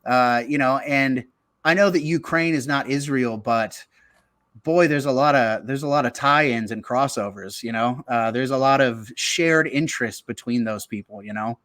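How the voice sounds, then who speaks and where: Man, late 30s, podcaster. Rambling and casual; bright, tense tone on a dry close mic. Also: medium pitch, moderate pace, dry recording. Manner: loose, rambling, filler-heavy.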